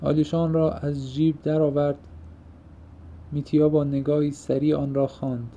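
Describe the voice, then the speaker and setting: A man narrating an audiobook in a measured storytelling manner. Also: a little high, level tone, dark tone. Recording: muffled lo-fi recording.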